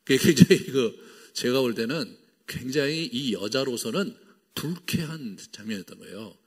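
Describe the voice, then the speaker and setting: A man's voice: medium pitch, expressive, normal speed, husky, long reverb tail. A male pastor preaching a sermon. He talks animatedly, acts out the dialogue in playful voices and uses lots of fillers. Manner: lots of fillers, wide swings in loudness. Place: church sanctuary.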